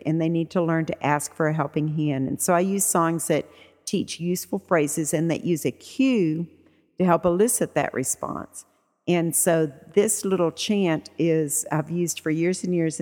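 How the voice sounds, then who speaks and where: A woman music therapist with a low speaking voice explains her methods in a relaxed, chatty way, full of little fillers. Now and then she breaks into short sung chants, jumping up high. Her voice trails off into a long, reverberant space. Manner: demonstrates chants by singing them in a high voice; relaxed, conversational, with many fillers. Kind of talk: podcast talk on teaching songs.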